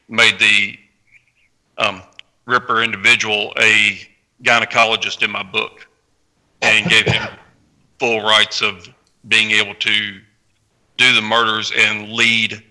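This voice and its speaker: An American man from Tennessee casually introducing his work as a panel guest, with halting phrasing. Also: on the low side, bright, forceful tone, rough recording. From Tennessee, United States. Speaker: novelist, podcast panel guest. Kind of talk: casual spoken book introduction.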